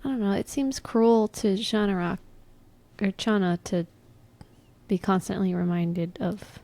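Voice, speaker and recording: A woman with a gravelly, fry-heavy voice chats casually as a podcast co-host. She thinks aloud and corrects herself as she goes, in an even middle pitch. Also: measured pace. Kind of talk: casual chat.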